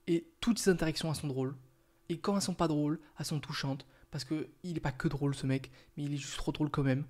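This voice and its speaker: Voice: medium pitch, mellow. A young adult video reviewer talking in a casual, playful, slangy way.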